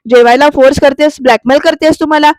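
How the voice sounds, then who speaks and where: A woman reading the lines of an angry, stubborn young man who refuses to eat, shouting them indignantly. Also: extremely high pitch, fairly even intonation, fast, dry recording, studio quality.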